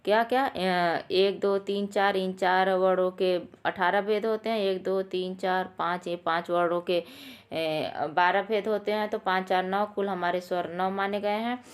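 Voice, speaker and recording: A woman's voice: medium pitch, fairly even intonation, a little slow, hardly any pauses, clear, resonant tone. A woman teaching a Sanskrit exam lesson, patiently explaining and repeating key points while addressing viewers as friends.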